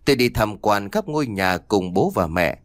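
A male narrator tells a first-person story in an audiobook. His pitch moves a great deal, which makes the telling lively and expressive. The recording is close and dry, without room echo. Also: normal speed.

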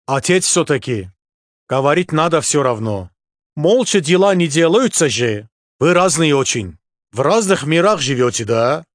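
A man voicing a calm, laconic man from Baku with an Azerbaijani accent and terse, unhurried phrasing. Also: a little high, dry recording, studio quality, pitched above the performer's own voice.

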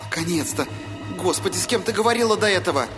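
A man doing an eager, shouting teenage boy. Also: high-pitched, fast talker, pitched above the performer's own voice. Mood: urgent. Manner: urgent, excited shouting. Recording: music playing underneath.

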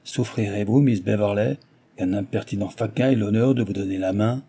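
A man's voice: medium pitch, little pitch movement, a little fast, dark tone, lightly acted. A man voicing a proud, insolent baronet who speaks with scorn in a storybook reading. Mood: scornful. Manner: scornful, haughty.

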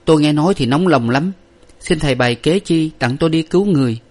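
A man reading a story, voicing a brisk, strong-willed wife who scolds sharply. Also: a little high, pitched above the performer's own voice, natural voice. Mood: anxious.

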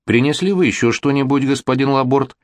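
A man voicing an excitable little girl who teases and coaxes, in a read-aloud storybook. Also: medium pitch, brisk, no echo, pitched above the performer's own voice, natural voice. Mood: eager. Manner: eager, exclaiming, coaxing.

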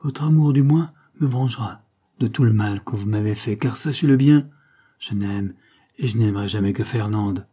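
A man's voice: fairly low pitch, moderate pace, warm tone, slightly rough. A man voicing a proud, scornful exiled nobleman with a biting, contemptuous delivery in a read-aloud novel.

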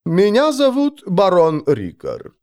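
Narrator doing a calm old baron in his 60s, quiet authority, kind. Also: high-pitched, slow pace, pitched above the performer's own voice, exaggerated voice. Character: dignified nobleman in his sixties, calm authority.

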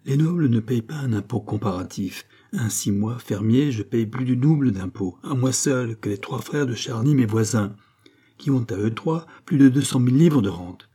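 A man's voice: medium pitch, expressive, moderate pace, dark tone, slightly rough. A man reading an audiobook, voicing a stubborn male farmer who speaks plainly and insistently. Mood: complaining.

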